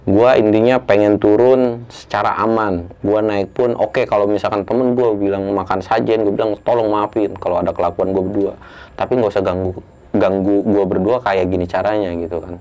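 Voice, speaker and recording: A young man telling a story casually, in coarse slang, jumping to a loud raised voice when he acts out what was said. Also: fairly low pitch, fairly even intonation, moderate pace. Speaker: storyteller guest.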